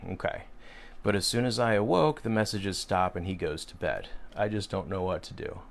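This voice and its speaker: Man, late 30s, low-pitched and gravelly, frank rambling host reading and answering viewer questions. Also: moderate pace, slight background noise. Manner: rambling, frank, with frequent fillers and restarts. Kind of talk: casual live Q&A.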